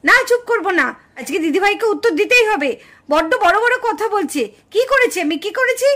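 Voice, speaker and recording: In a puppet cartoon family drama, a woman voices a quarrelsome village daughter-in-law who is angry, defiant, and indignant, scolding and exclaiming. Her exaggerated voice is very high-pitched, expressive, brisk, and sharp.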